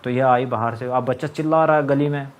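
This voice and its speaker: A young man tells his own story in a casual monologue, his medium-pitched voice steady in tone and fairly quick. He sounds agitated and complains throughout, acting out the lines other people said.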